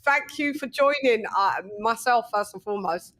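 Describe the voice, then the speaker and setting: A woman's voice: on the high side, moderate pace, a bit bright. A British woman hosting a casual boxing live stream, playful and rambling, full of fillers and little sing-song asides. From United Kingdom. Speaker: host.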